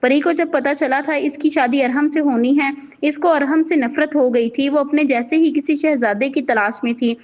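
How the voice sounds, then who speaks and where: A woman narrating a novel in a steady, even storytelling voice. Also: high-pitched, normal speed, few pauses. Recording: dull lo-fi recording.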